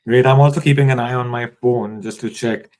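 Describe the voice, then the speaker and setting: A man's voice: medium pitch, steady tone, a little fast, a little mellow, low-quality recording. Man hosting a live stream. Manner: welcoming, reads out viewers' comments.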